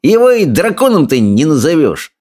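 A cocky Viking bully boy jeers and hisses threats in a storybook, put on by a male narrator. The voice sits much higher than the reader's own and drips with mockery. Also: huge pitch swings, moderate pace, a little mellow. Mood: mocking. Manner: mocking, hissing threats. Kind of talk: audiobook character voice.

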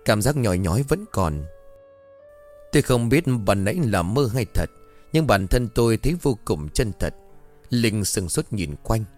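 A man reading a first-person horror story aloud in a slow, suspenseful narrating manner. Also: on the low side, very animated, darkish tone, faint music behind.

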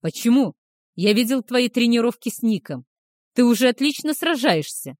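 Woman reader doing a male werewolf alpha, bossy and quick to shout. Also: mid-range voice, sing-song, dry recording, clean studio sound. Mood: pressing. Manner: barking orders, shouting. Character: male werewolf pack leader, commanding, short-tempered.

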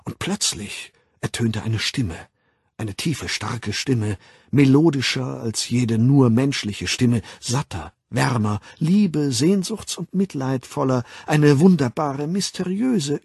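Husky, slow male audiobook narrator. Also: mid-range voice, expressive, a little mellow, no echo, studio quality. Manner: measured, dramatic reading.

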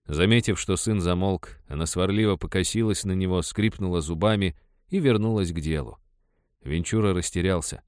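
Low-voiced man narrating a story. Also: moderate pace, darkish tone, no room sound, studio quality. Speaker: audiobook narrator.

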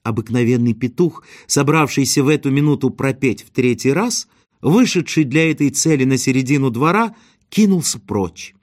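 A man reading an audiobook aloud in an expressive storytelling style. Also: mid-range voice, normal speed, dry recording, studio quality. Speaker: audiobook reader. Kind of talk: audiobook narration.

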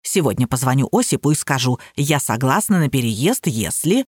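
A woman's voice: rumbling low, sing-song, moderate pace, a little mellow, breathy edge, dry recording, studio quality, pitched below the performer's own voice, full character voice. A woman reading the part of a stern, sardonic old woman, a pensioner who gives orders and mocks her guests. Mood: commanding. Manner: commanding and teasing.

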